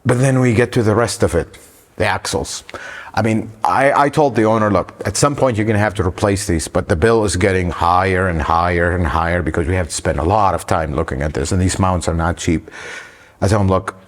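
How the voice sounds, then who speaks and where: A man who runs an auto repair shop, explaining a car problem to viewers in an animated, exasperated way. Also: deep voice, a little fast, big-room sound. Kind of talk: shop-floor explainer talk.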